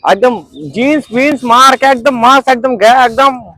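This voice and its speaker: A man's voice: very high-pitched, steady tone, moderate pace, bright, forceful tone, low-quality recording. A man leads a network marketing seminar, constantly quizzing his audience and drawing call-and-response answers. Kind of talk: interactive seminar talk. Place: training room with a group audience.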